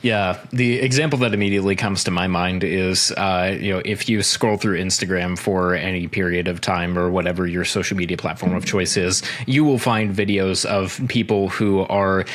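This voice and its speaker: A man's voice: sits low, fairly even intonation, normal speed, hardly any pauses, a bit bright. A man co-hosting a podcast in casual chat, rambling with many filler words. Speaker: podcast co-host.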